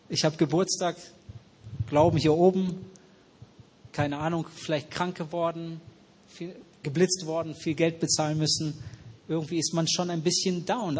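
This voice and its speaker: Preacher, male, slightly high husky voice, interactive sermon, quizzes the congregation and echoes back their answers. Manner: asks the congregation questions and repeats their answers. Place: church hall with noisy ventilation.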